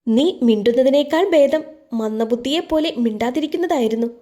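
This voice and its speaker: A woman's voice: sits high, fairly quick, warm tone, natural voice. A woman voicing a harsh older mother-in-law who scolds with scorn. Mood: scornful. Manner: sneering, scornful.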